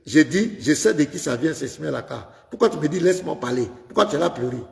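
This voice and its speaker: A pastor with a fairly high, gravelly voice argues insistently over a live call, repeating his phrases and reading scripture aloud. The sound is roomy, with a long reverb trailing each phrase. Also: expressive, fast talker, darkish tone. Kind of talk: heated live call-in debate. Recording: echoey room with long reverb.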